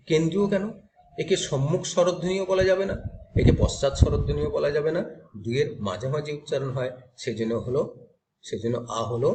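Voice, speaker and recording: A man teaching a grammar class to students. He explains step by step and asks questions that he then answers himself. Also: mid-range voice.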